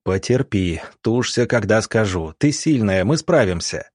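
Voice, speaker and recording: A man's voice: lowish voice, animated, a little slow, darkish tone, dry recording, clean studio sound. A man as a firm young country doctor. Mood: commanding. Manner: curt, decisive orders.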